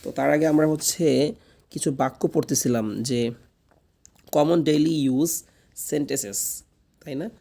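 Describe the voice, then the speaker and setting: A man teaching a spoken English lesson, his first language Bengali. His voice is slightly raised in pitch, gravelly, and warm. He stretches each example sentence out slowly before explaining it. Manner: slow, drawn-out model sentences between quick explanations.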